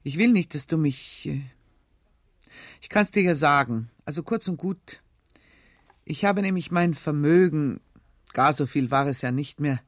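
A woman reading aloud as a weary older man, an uncle who refuses help in a low, heavy, resigned way. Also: measured pace, pauses often, no echo, studio quality. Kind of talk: literary reading on radio.

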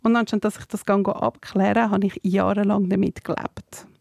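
A Swiss German woman in her thirties tells a personal story on a casual podcast, with a gravelly, fry-tinged voice. She talks with animated energy. The sound is close and dry, with no room in it. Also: mid-range voice, dry recording. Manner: animated storytelling, quick to laugh. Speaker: podcast co-host. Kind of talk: casual chat.

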